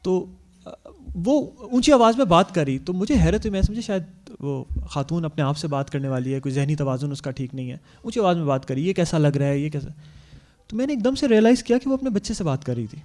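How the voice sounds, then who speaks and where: A man with a notably high-pitched voice talks earnestly to parents about bringing up young children. He explains point by point and often slips English words into his sentences. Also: animated, mellow. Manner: acts out parents' quoted lines. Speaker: speaker on Islamic parenting. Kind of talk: advice talk to parents.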